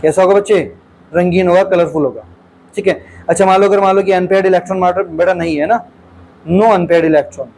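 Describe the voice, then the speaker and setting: A man's voice: high voice, fairly even intonation, brisk, a little mellow, a little hiss or hum, rough recording. A male teacher solves exam questions aloud in a lecture, keeps calling his students "beta", and asks questions and repeats the answers.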